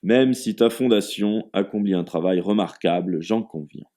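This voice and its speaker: A man's voice: on the low side, moderate pace, mellow, natural voice. A man voicing a boisterous, hearty older Italian host who hammers his words. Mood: jovial.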